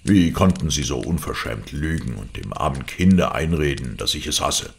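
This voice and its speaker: Man playing a menacing villain, deep gravelly voice, slow threats. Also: expressive, a little hiss or hum, heavily acted.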